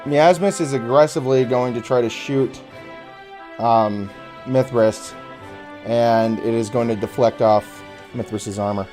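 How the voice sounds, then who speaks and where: A man's voice: mid-range voice, darkish tone, soft background music. A man narrating as game master of a tabletop game, with an easygoing, chatty manner. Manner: easygoing, chatty, with quick laughs between narration.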